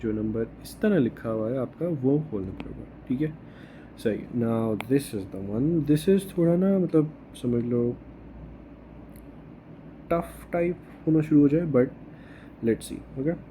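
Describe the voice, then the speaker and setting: A man with a medium-pitched, dark-toned voice teaches a math lesson slowly, explaining step by step in a mix of Hindi and English. He keeps checking in with students by asking "okay?" Faint background noise is audible.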